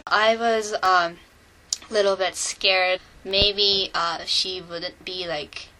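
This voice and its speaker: A young woman from Japan, a native Japanese speaker, answering interview questions in English with many pauses and fillers. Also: fairly low pitch, fairly even intonation, bright, forceful tone, rough recording. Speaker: international student.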